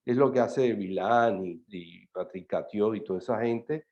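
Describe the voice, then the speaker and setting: A man speaking at a mathematics seminar, explaining and answering questions in a halting way, with many fillers and restarts. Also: fairly low pitch. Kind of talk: academic talk and answers. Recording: lo-fi video call audio.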